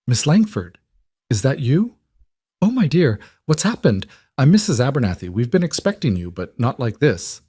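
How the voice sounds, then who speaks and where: A man's voice: medium pitch, big pitch swings, normal speed, mellow, slightly rough, no room sound, clean studio sound, pitched above the performer's own voice. A man voicing a plump, motherly woman in her fifties who flutters with anxious concern. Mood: worried.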